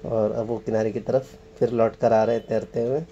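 Outdoors beside a waterfall, a man vlogging his travels guides viewers around casually, pointing out sights as he goes. His voice is lowish and warm with a flat delivery, the highs are cut off, and faint rushing water and outdoor ambience sit behind him.

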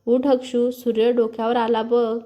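A woman voicing a shy, gentle young newlywed wife in a narrated story, speaking softly and politely. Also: on the high side, little pitch movement, moderate pace, muffled recording, lightly acted. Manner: soft, polite.

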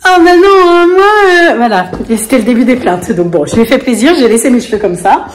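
A woman's voice: fairly high pitch, lively intonation, fairly quick. A woman vlogging to camera in a chatty, rambling way, often breaking into laughter. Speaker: family vlogger. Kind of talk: casual chat to camera.

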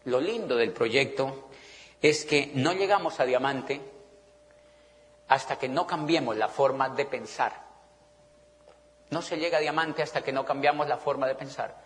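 A middle-aged man with a Colombian accent giving an animated motivational talk to a live audience, often checking that they follow him. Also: medium pitch, measured pace, pauses often. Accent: Colombian Spanish. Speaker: motivational business speaker. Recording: long reverb of a large hall.

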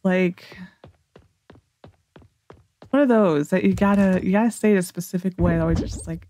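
With a lowish, mellow voice at normal speed, a US woman hosting a gaming video talks casually over her gameplay. She speaks in a General American accent and rambles, thinking aloud to herself.

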